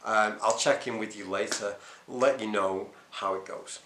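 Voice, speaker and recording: A man's voice: on the low side, steady tone, a little slow, pushed and bright, reverberant, slight background noise. A man recording a casual, hesitant video diary, thinking aloud as he talks. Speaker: runner vlogging his race preparation.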